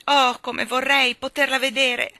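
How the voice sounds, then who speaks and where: Brief: eager young girl, higher and bright, read by a woman. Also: animated, slow, no room sound, heavily acted. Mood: excited. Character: young girl Jane, sick in bed, eager.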